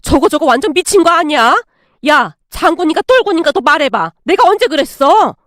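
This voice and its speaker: A woman brings to life an enraged older mother-in-law in her sixties, barking scoldings in a high voice. Her pitch leaps up and down as she rants. The sound is dry and close, as in a storybook reading. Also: lively intonation, brisk, no room sound. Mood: furious scolding. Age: 60s. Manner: scolding, shouting in anger. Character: hot-tempered sixties mother-in-law, shouting. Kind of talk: storytelling with acted dialogue.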